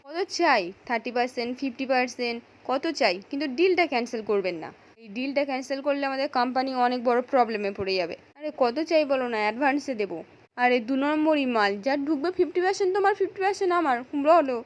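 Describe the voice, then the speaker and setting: A menacing young bully who waves a gun, read aloud by a woman narrator. The voice stays high and plain, only mildly raised over the narration. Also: quick pace, close to an everyday voice. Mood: scheming.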